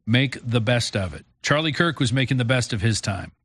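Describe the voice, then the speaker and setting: A man's voice: medium pitch, lively intonation, fairly quick, a bit bright, husky, no room sound. An American man hosting a talk radio show, speaking informally and reflectively in a conversational way.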